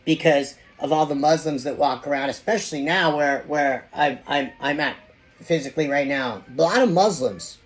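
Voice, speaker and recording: Higher-pitched man, halting and emphatic. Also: fairly even intonation, faint music behind. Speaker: video host. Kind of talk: informal opinion monologue.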